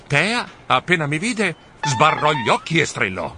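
A man reading a children's storybook aloud in the first person, with animated, expressive delivery. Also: fairly high pitch, a little slow, noisy background. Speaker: audiobook narrator.

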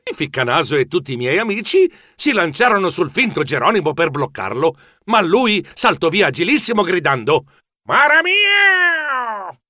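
Theatrical male storyteller: high, bright, very lively delivery. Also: a little fast, few pauses, no echo, studio quality. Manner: animated, theatrical. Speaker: narrator. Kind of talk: expressive storybook narration.

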